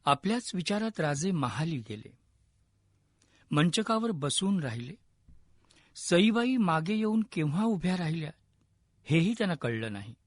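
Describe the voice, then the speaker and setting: A man narrating a historical novel as an audiobook, in steady, measured storytelling. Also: fairly high pitch, dry recording.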